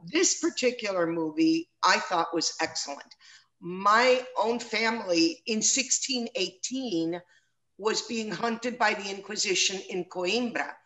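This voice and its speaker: A woman's voice: medium pitch, unhurried, fairly bright tone, low-quality recording. A middle-aged woman moderating an interview over a video call from a room at home, speaking in an earnest and personal way.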